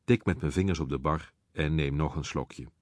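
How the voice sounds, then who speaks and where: Deep-voiced male audiobook narrator. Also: moderate pace, no echo. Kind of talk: audiobook narration in first person.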